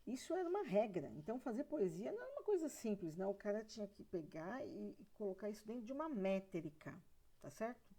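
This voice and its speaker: A woman's voice: mid-range voice, very animated, quick pace, dark tone. A female literature teacher with a Brazilian Portuguese accent giving a recorded lesson, explaining step by step, counting syllables aloud and checking in with her students.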